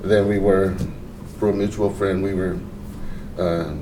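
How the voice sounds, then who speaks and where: A middle-aged veteran from Portland, Oregon, tells his life story in a relaxed interview, his low, mellow voice unhurried and halting with fillers, frequent pauses, and restarted sentences. The microphone sits at a distance in an echoey, roomy space, with slight background noise.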